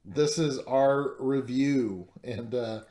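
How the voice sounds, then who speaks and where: Male podcast co-host, easygoing rambler, mid pitch, recorded in a roomy space. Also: takes it slowly, background noise. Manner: rambling, lots of fillers and restarts, laughs easily. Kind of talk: casual podcast chat.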